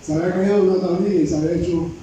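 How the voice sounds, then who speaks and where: A man preaches in a high, soft-toned voice. He repeats words as he gropes for them and often turns questions to his congregation. The sound is very reverberant and distant, with a faint hiss behind it. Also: fairly even intonation, very fast. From Panama. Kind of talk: sermon. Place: church sanctuary. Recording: very echoey church from a distant mic, faint noise.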